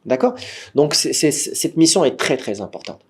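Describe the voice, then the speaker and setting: A man with a Moroccan French accent gives an online training to startup teams through his computer mic. His pitch sits in the middle, and he talks in a lively, questioning way, often asking if everyone agrees and restarting his sentences. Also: moderate pace. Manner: says he is a gamer. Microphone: computer mic on a video call.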